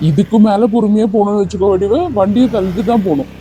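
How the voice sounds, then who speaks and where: A man's voice: high voice, fast, noisy background, lightly acted. A man voicing a protective young hero in a cartoon, teasing and firm in turn. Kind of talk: cartoon voice acting.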